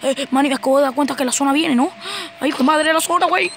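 A woman gamer giving live, excitable and playful commentary on her own play, yelling when she is in danger. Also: high-pitched, very fast, a little hiss or hum.

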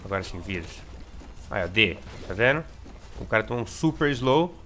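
Excitable Brazilian man commenting gameplay. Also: on the low side, normal speed, a little hiss or hum. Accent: Brazilian Portuguese. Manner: excitable, repeats words, sudden shouts. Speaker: gameplay streamer.

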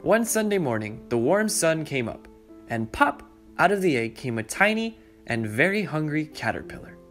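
A young man hosting a children's story time, reading aloud in a deliberate manner and speaking directly to young listeners. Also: a little high, sing-song, fairly bright tone. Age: young adult. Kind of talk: read-aloud storytelling for preschoolers. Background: background music.

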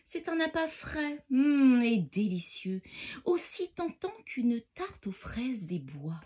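A woman's voice: fairly high pitch, very animated, slow, warm tone, husky, heavily acted. A woman doing a sly, humming storybook fox. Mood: scheming. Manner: sly, savoring tone with murmured hums. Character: cunning male fox, sly schemer.

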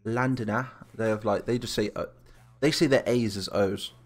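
A man with a Lincolnshire English accent chats casually on a live stream while building a game map, rambling and reading viewer comments aloud. His voice is lowish and steady at a normal speed.

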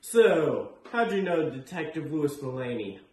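A man's voice: a little high, sing-song, unhurried, noisy background. A man playing a veteran police officer, an old friend of the detective, talking in a matter-of-fact, laid-back way in a noir radio drama. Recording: echoey room, distant, music behind.

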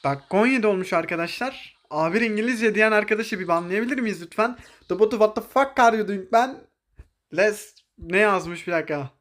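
Excitable young man commentating gameplay. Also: sits high, a little fast. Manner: excitable, jokey, bursts of English exclamations; calls out orders to teammates. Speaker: mobile game streamer.

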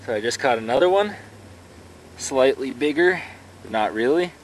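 By a pond, a young man films a casual fishing vlog with the camera held at arm's length, chatting and rambling. His medium-pitched voice is animated and moderately paced, with faint outdoor noise behind him.

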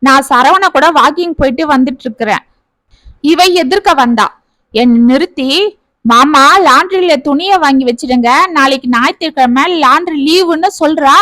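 A woman's voice: sits high, normal speed, a bit bright, no echo. A woman voicing a grumpy retired older man who grumbles and complains, in a family story. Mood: grumbling. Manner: sulking, complaining.

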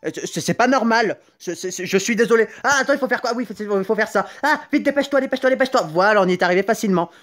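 A young gaming YouTuber whose first language is Italian narrates his mobile gameplay in a high, light voice. His commentary is joking and rambling, punctuated by sudden excited yelps and quick asides.

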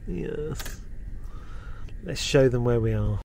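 A man's voice: medium pitch, animated, slow pace, vocal fry, mellow, a little hiss or hum. A man casually narrating a camper van travel vlog, pointing out the sights around him. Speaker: vlogger. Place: outdoors on a windy hilltop and inside a camper van.

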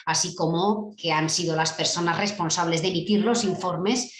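A woman's voice: on the low side, normal speed, reverberant, a little hiss or hum. A woman giving an online conference talk over a video call, hesitant with many fillers. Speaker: director general giving a keynote talk.

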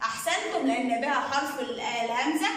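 An encouraging woman teacher with a fairly high voice, quizzing young pupils and praising every answer. She draws out key words slowly for emphasis. She sounds far from the mic in a very echoey room with faint noise behind her. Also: a bit bright. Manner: encouraging, praises often, asks quick questions. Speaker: primary school Arabic teacher. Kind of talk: classroom lesson for young children.

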